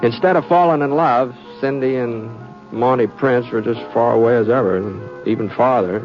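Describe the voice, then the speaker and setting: With wry humor, a medium-pitched man in a near-everyday voice tells his tale as a kindly, bashful frontier narrator and main character. He draws out his words hesitantly in a homespun American Western accent, old-time radio style. Music accompanies the dull, vintage-sounding recording.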